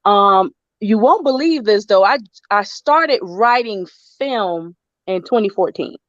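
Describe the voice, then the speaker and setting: A middle-aged woman from Florida, a writer being interviewed casually online, speaks slowly yet animatedly in a mid-range voice. Her chatty answers come in loose, rambling runs with plenty of fillers, restarts and laughter. The video-call recording is dry and lo-fi.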